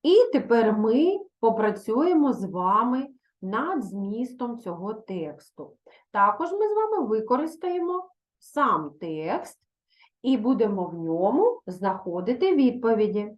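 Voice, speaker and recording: A woman teacher speaks at an unhurried pace in a recorded lesson for young pupils. Her pitch rises and falls freely as she reads verse with expression and gives patient instructions. The room around her sounds echoey. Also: very animated, muffled recording. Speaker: primary school teacher.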